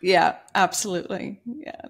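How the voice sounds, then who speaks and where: A woman in her fifties from Dublin, Ireland, with an Irish accent, speaks as a guest author in a conversational podcast interview over a video call from a room at home, wearing over-ear headphones. Her voice is mid-range and slightly rough with vocal fry, at a moderate pace. She's thoughtful, uses many fillers, and laughs easily.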